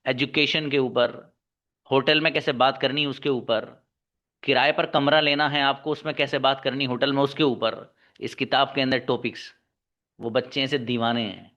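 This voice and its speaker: A man's voice: medium pitch, fairly even intonation, normal speed, bright, forceful tone. A male English teacher lecturing his class, scolding and exhorting his students to work hard. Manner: scolding, exhorting, calls students son and daughter. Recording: dull lo-fi recording.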